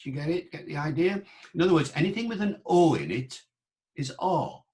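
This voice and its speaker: An older man giving an online lecture, pronouncing words slowly and repeating them to show how they sound. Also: on the high side, expressive, darkish tone. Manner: slow, careful, repeats words to demonstrate sounds. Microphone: online talk microphone.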